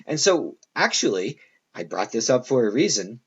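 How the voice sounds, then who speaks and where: A man's voice: mid-range voice, very animated, normal speed, husky, dull audio. A man giving a classroom lecture in a loose, conversational way, full of fillers and asides to his students.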